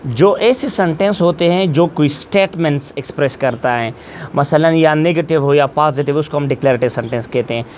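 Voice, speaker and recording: Man, fairly high voice, classroom lecture, repeats points, slow careful example sentences. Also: darkish tone, slight background noise. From Pakistan. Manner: explains in Urdu-mixed Hindi, reads English examples slowly, adds "theek hai". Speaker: English teacher.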